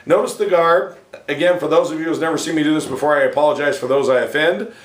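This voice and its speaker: Man giving a market update, quick and upbeat, slightly high voice, roomy echo, mic a bit far off. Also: fairly even intonation. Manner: folksy and emphatic, joking between figures; walks through slides and addresses buyers directly. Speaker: title company president giving a market update. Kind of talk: monthly real estate stats presentation. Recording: echoey room, mic at a distance.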